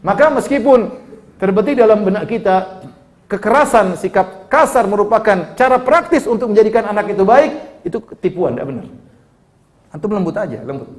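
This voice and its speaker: A man's voice: high voice, expressive, normal speed. A man preaching a sermon, putting questions to the audience and repeating key words for emphasis.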